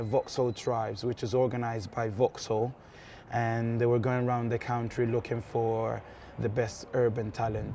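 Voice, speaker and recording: A man, talking to camera about his career as a dance school director, relaxed and steady with frequent ums. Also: mid-range voice, a little hiss or hum. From Italy.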